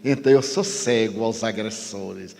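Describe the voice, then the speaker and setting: A man giving a spiritist lecture, speaking emphatically, slowing down to stress key words, with dramatic pauses. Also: lowish voice, vocal fry, darkish tone. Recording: long hall reverb.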